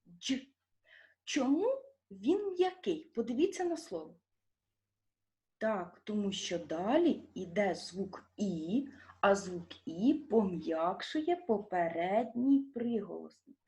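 Slow, lively woman teaching young children. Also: medium pitch. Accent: Ukrainian. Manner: slow, clear, exaggerated stressed syllables. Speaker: primary school teacher. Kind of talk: classroom lesson to children.

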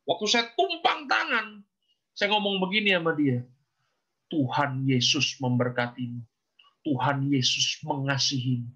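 A man's voice: high-pitched, muffled recording. A male pastor telling a story in a youth service sermon, acting out the quotes and often asking "ya kan?" to the listeners. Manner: animated storyteller, acts out quotes, asks "ya kan?".

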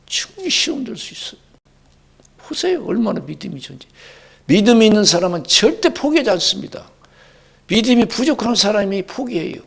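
A male pastor preaching a sermon, with sudden loud rising bursts and quoted dialogue. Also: high voice, creaky, slightly rough.

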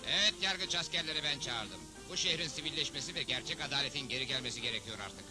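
An actor playing a wry, assured, fair-minded cowboy hero in a dubbed Western cartoon. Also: male voice, medium pitch, fast talker, close to an everyday voice. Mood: firm, assured. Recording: loud background music.

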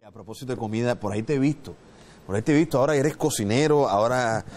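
A man's voice: mid-range voice, fast. A male host asking teasing, joking questions in a casual interview. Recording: loud music playing behind.

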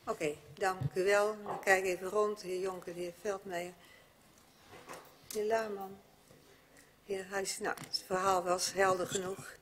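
A man's voice: high voice, flat delivery, moderate pace, long pauses, a bit bright, a little hiss or hum. A man chairing a council debate, politely handing out speaking turns. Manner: polite, procedural. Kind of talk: chairing a meeting. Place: council chamber. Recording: reverberant council chamber.

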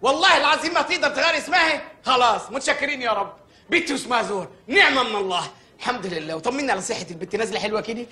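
Give me a blustering Egyptian village mayor, very fast, with faint music behind. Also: male voice, expressive, bright, forceful tone, roomy sound, heavily acted. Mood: indignant. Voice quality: shrill, rapid-fire comic whining. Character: blustering village mayor, excitable middle-aged man. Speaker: comic lead actor. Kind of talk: TV comedy sketch acting.

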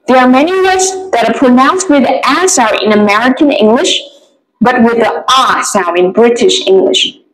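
A woman explains English vowels patiently and models each sound with care. Her voice is high and her pace is slow. The room around her is echoey. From Vietnam. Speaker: English pronunciation teacher. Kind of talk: recorded pronunciation lesson.

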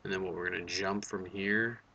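A young man hosting a casual let's play in a fairly low voice with a bright, forceful edge. He is reactive and jokey, and swears freely. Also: steady tone, moderate pace, lo-fi sound, slight background noise. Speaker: gaming video host.

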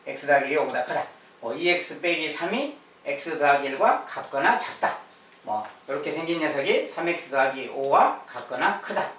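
A male math teacher giving a lecture. He fills his talk with short "ja" and "ye" and slowly repeats key phrases. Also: fairly high pitch, expressive, a bit bright, slight background noise. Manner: frequent "ja" and "ye" fillers. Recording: echoey room, mic at a distance.

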